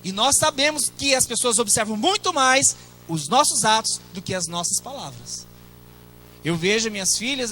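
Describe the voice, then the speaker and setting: Brazilian pastor, man, middle-aged; high and bright, chatty sermon with asides to the flock. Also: slight background noise, low-quality recording. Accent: Brazilian Portuguese. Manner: conversational preaching with asides to the congregation.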